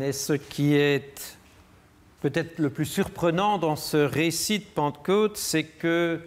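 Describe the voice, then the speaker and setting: A man preaching a measured, reflective sermon in a church. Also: fairly high pitch. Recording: long church reverb.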